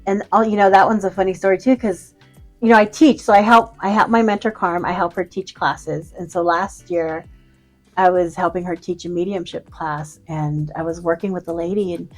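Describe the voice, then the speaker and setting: A soft-spoken middle-aged woman, a psychic medium guest, telling personal stories casually and acting out the conversations she recalls. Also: lowish voice, steady tone, moderate pace, soft background music. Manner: soft-spoken, re-enacts conversations, many fillers. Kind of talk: casual storytelling interview.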